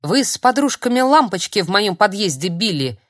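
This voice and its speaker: A woman's voice: very animated, moderate pace, no echo, studio quality. A woman voicing a jittery old man who grumbles and then shrieks threats. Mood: agitated. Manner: shrill, spluttering outbursts. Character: nervous old man, shrill and menacing.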